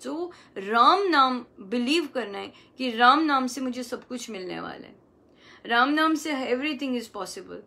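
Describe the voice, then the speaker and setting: A woman giving a gentle devotional talk as a spiritual teacher, coaxing and affectionate, often checking in with her listeners. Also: sits high, animated, slow, gravelly. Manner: gentle, coaxing, acts out loving self-talk.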